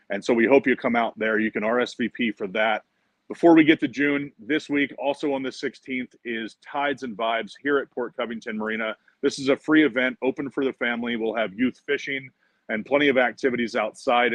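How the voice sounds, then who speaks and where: A man's voice: medium pitch, fairly bright tone, no echo. A man, director of a fishing conservation group, giving an upbeat promotional update with frequent "uh" fillers, recorded at a marina. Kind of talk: monthly video update. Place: outdoors at a marina.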